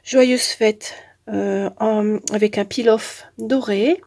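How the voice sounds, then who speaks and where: A woman's voice: mid-range voice, steady tone, slow, gravelly, darkish tone. A woman with a head cold and blocked nose, talking nasally as she casually presents handmade crafts as a channel host. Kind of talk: casual craft showcase narration.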